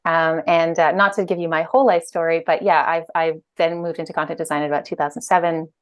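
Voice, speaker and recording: A woman's voice: deep voice, little pitch movement, fast. A woman in her thirties, a guest on a video-call interview, talking casually with many fillers and restarts. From Ireland and Canada. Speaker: guest, UX director and author. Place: bright room at home. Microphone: earphone mic on video call.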